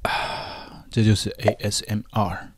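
A man's voice: fairly low pitch, slow, over music. Sarcastic young man with a Taiwanese lilt. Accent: Taiwanese-accented Mandarin. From mainland China. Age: young adult. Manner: sarcastic, mocking, animated. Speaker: YouTuber guest. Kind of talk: reading and rebutting viewer comments.

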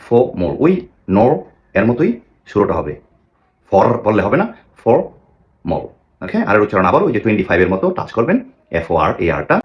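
A man's voice: on the low side, lo-fi sound. A man teaching English pronunciation, asking rhetorical questions and repeating model words for the listener. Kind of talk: pronunciation lesson.

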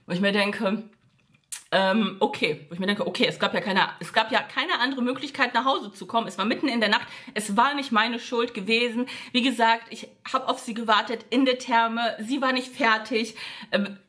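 At a moderate pace and in a bright, forceful tone, this vlogger shares a personal story with her audience, performing the dialogue with pitch changes and peppering her chat with fillers.

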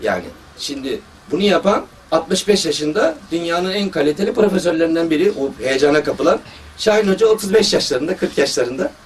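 Man, fairly high voice, storytelling sermon, heard from a distance, faint background noise. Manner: storytelling, lively quoting of others. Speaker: surgeon giving a religious talk. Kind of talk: religious talk with personal stories.

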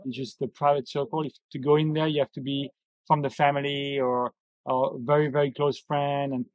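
A middle-aged man explaining local history to riders outdoors as a bike tour guide, halting with many fillers and restarts. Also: medium pitch, level tone, no room sound, muffled recording. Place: outdoors on a coastal road, on a bike.

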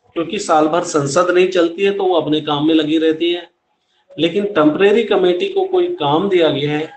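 A man's voice: a little high, lo-fi sound. Middle-aged male teacher, echoey room. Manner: explanatory, mixes English terms into Hindi, addresses students directly. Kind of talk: online class lecture. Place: small room at home with plain wall, indoors. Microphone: laptop webcam at close range. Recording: echoey room with faint background hiss.

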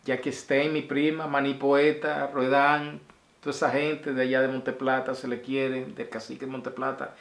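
A man's voice: medium pitch, little pitch movement, normal speed, a bit bright. A man, talking casually and affectionately to his viewers in a video message, rambling and sending blessings from a small room at home. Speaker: vlogger. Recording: roomy echo.

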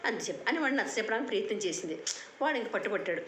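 An older woman telling a children's bedtime story in an animated, moralizing way. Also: mid-range voice, racing, soft background music. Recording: roomy echo with faint hiss.

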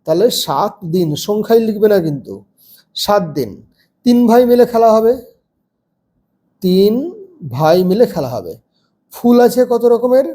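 A man's voice: sits high, very animated, measured pace, long pauses, dark tone. A man teaching young children from a textbook, patiently spelling words out letter by letter. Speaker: primary school teacher.

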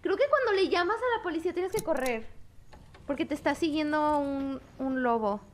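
A woman's voice: sits high, animated, normal speed, slight background noise. A young woman streaming a horror game, jumpy and exclaiming at scares while talking to her chat. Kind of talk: gaming commentary.

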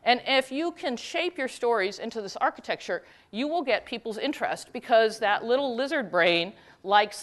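A woman giving a conference talk, retelling a story with quick, animated asides. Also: fairly high pitch. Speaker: conference speaker; teacher.

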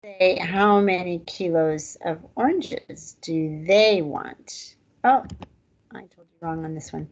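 A woman teaching a language lesson at an unhurried, deliberate pace. Her voice is low and gravelly with a husky edge. She explains the grammar patiently, one step at a time. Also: highs cut off.

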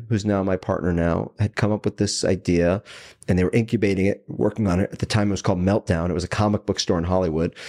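A man, a company CEO, telling his career story as a podcast guest, quick and animated, acting out the voices of people he quotes. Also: on the low side.

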